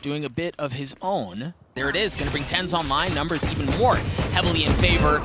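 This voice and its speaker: A man doing live esports play-by-play as a caster, with excitable, emphatic calls. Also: a little high, brisk, loud music behind the voice. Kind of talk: live esports match commentary.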